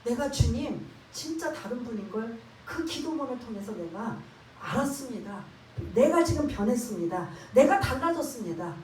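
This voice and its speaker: An earnest, repentant robber on the cross, as a woman preacher puts him on, rebuking the other man and begging to be remembered. The voice sits fairly high and carries the urgency of a sermon retelling. It rings out in a roomy church hall, picked up from well back with a faint hum of ambience. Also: animated, moderate pace, a little mellow, close to an everyday voice. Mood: pleading. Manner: scolding then pleading. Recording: echoey church hall, distant mic.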